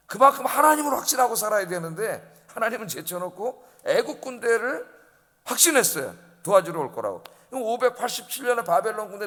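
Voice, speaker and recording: Man preaching at dawn service, pitch jumps all over, long church reverb. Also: a bit bright. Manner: emphatic, asks the congregation questions. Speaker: pastor. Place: church sanctuary.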